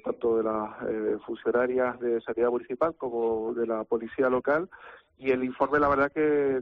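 A man speaks in a measured, formal way, pausing often with hesitations as he explains himself. His voice sits at an ordinary middle pitch. It comes through a thin, tinny phone line. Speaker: deputy mayor interviewed by phone. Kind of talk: phone interview on radio.

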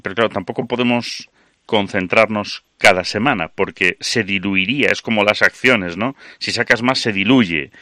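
A man's voice: fairly low pitch, normal speed, bright, forceful tone, no room sound, clean studio sound. A man hosting a radio interview, talking in a conversational, reflective way. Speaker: radio host.

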